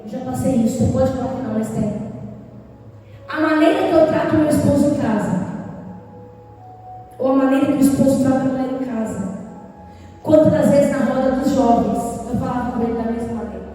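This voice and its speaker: A young woman speaking at a church meeting for married women, telling stories and acting out shouted quotes. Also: high-pitched, moderate pace, pauses often, slight background noise. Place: church hall. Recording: distant mic in echoing hall, faint music.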